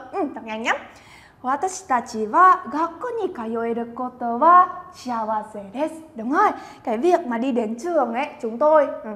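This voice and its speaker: A woman from Vietnam teaching Japanese vocabulary in a chatty, encouraging way, slowly repeating words for the learners to copy. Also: sits high. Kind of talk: lively vocabulary lesson.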